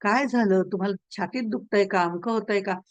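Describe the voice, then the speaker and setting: A woman's voice: medium pitch, a little fast, no room sound, close to an everyday voice. A woman voicing anxious palace guards who pile worried questions on their king. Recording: dull lo-fi dry recording.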